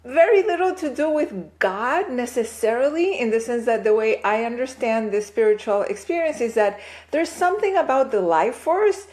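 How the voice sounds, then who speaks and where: A woman from Chile speaking as a guest on a podcast. She explains her ideas in a thoughtful, reflective way, pausing to check in with a quick "right?" as she goes. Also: on the high side, lively intonation, a little mellow. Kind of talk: casual interview chat.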